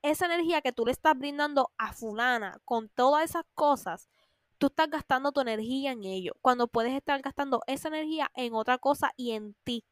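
High, smooth-voiced woman podcaster. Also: a little fast, no room sound, studio quality. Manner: animated, acts out whiny friends in a high voice. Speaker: podcast host. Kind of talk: casual monologue.

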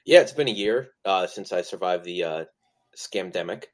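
A man's voice: low voice, expressive, moderate pace. A man co-hosting a podcast in casual chat, with a joking, irreverent way of talking. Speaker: podcast co-host.

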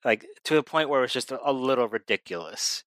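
A man co-hosting a casual movie chat, laid-back and wry with deadpan asides. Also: mid-range voice, fast, no echo. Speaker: podcast co-host.

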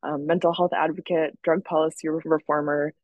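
A woman's voice: low-pitched, level tone, fairly quick, no room sound, phone-quality sound. A woman from Russia, a therapist guest, chatting casually and laughing often. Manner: chatty, laughs often, lots of fillers and restarts. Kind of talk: casual interview.

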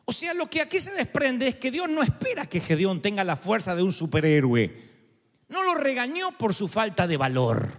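With a high voice and a moderate pace, a male preacher gives a lively sermon, his pitch swinging widely as he tells the story. He acts out every quote, and a long reverb carries his words through a large hall.

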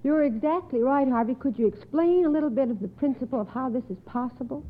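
A woman hosts a radio quiz show, speaking fast in a high voice with a precise, formal, encouraging manner. The recording is a tinny, narrow old radio broadcast.

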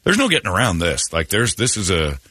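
A man's voice: sits low, huge pitch swings, a little fast, pushed and bright, slightly rough, no room sound. A man hosting a radio talk show, giving blunt, opinionated rants in casual studio chat.

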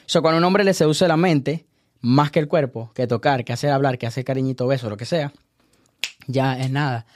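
A man giving dating advice in a casual podcast chat, animated and lecturing, often laughing as he talks. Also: mid-range voice, a little fast, dry recording, clean studio sound.

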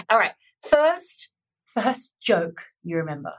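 A woman interviewer asking quick-fire questions in a brisk, prompting manner. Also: a little high, big pitch swings, sharp tone.

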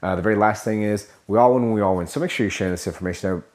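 A man's voice: fairly low pitch, very fast, darkish tone. Rambling man hosting a sales podcast. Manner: rambling, filler-heavy, self-correcting; motivational, addresses listeners as guys. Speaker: podcast host; car sales trainer. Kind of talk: casual podcast monologue.

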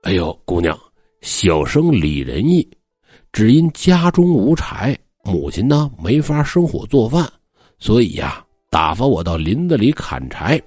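A man playing a timid, courteous young scholar who cuts firewood, in a husky voice. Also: lowish voice, sing-song, a little slow, darkish tone, dry recording, clean studio sound, faint music behind, voice pushed down, exaggerated voice. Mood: apologetic. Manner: nervous, bookish, courteous. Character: timid polite young male scholar woodcutter.

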